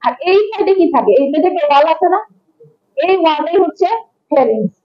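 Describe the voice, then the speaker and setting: With lively intonation and a brisk delivery, this high-voiced young woman teaches medicine in a classroom, her accent Bangladeshi Bengali. The recording has its highs cut off. She is patient in her explanations, questions her listeners, and repeats important terms.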